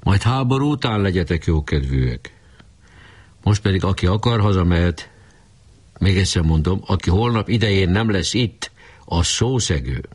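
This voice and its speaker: A man voicing a serious boy leader who speaks gravely and firmly in a storybook reading. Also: low voice, animated, darkish tone, voice pushed up. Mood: stern. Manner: grave and commanding.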